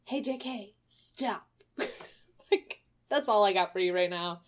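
A woman's voice: medium pitch, lively intonation, unhurried. A woman with a Midwestern American accent co-hosting a podcast in casual chat, laughing often and swearing casually. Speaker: podcast co-host.

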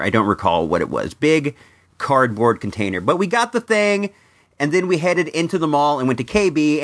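A man's voice: on the high side, a bit bright. A middle-aged man hosting a toy show, telling nostalgic stories in a casual, wry, conversational way into a microphone. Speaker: toy review host. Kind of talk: casual nostalgic storytelling and commentary. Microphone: microphone in a room.

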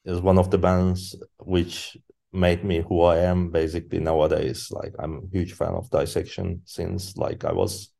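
A man, a podcast guest speaking English as an in halting casual talk with many fillers. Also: sits low, vocal fry, mellow. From Turkey. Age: 30s. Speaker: guest musician. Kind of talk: casual interview chat.

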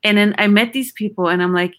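A woman's voice: medium pitch, fairly even intonation, fast. A middle-aged woman from Austria, a psychologist, talking animatedly in an interview, laughing often and searching for words. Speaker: psychologist guest. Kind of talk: conversational interview.

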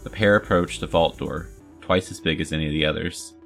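Deep, gravelly male storyteller. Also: brisk, soft background music. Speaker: narrator. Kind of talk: audiobook story reading.

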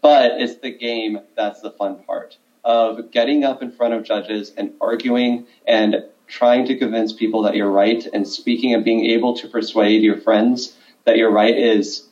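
A man with a fairly low voice speaks as a guest on a podcast, giving earnest advice as a debate coach. His talk is full of "like" and "um", and his audio sounds dull and muffled. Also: fairly even intonation, measured pace, darkish tone. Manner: earnest, filler-heavy with "like" and "um". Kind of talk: casual interview guest.

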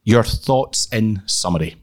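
A man's voice: on the low side, lively intonation, measured pace. A Scottish man hosting a podcast in a conversational way, recorded in a small, echoey room. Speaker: podcast host. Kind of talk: podcast introduction and chat.

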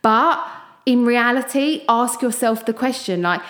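A woman's voice: on the high side, a little slow, fairly bright tone. A woman with an Essex accent hosting a chatty solo motivational podcast, talking informally and straight to her listeners. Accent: Essex English. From Essex, England. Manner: informal pep talk addressed straight to listeners. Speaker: podcast host. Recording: echoey room.

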